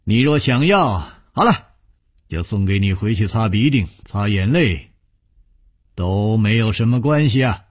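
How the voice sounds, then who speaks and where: A male storyteller voicing a calm, smiling young male hero who speaks with easy, quiet amusement. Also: lowish voice, measured pace, breathy edge, no echo, clean studio sound. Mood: teasing.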